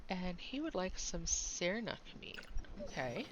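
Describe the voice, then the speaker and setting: A woman streamer giving casual, relaxed commentary and thinking aloud as she plays a game. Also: lowish voice, measured pace, noisy background. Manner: chatty and relaxed, thinking aloud while playing.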